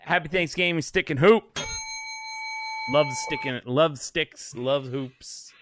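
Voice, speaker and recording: A man's voice: a little high, slow, noisy background. A man co-hosting a casual comedy podcast, rambling and swearing, often breaking into laughter. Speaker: podcast co-host.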